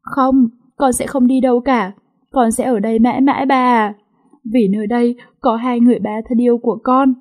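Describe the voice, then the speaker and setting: A woman's voice: fairly high pitch, fairly even intonation, normal speed, a little mellow, natural voice. Băng Băng, a tearful young heiress, read by a woman. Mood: tearful, pleading. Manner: pleading, tearful, voice rising. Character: young heiress, tough but grief-stricken daughter.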